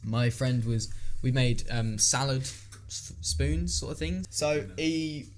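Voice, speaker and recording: A young man telling a story in a loose, halting way, full of fillers. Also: medium pitch, a little hiss or hum. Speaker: podcast co-host. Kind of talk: casual chat.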